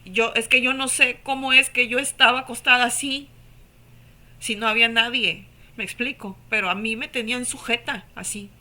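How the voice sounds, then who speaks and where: A woman telling her personal religious testimony in an emotional, hushed storytelling manner that sometimes drops to a whisper. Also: a little high, fairly even intonation, moderate pace.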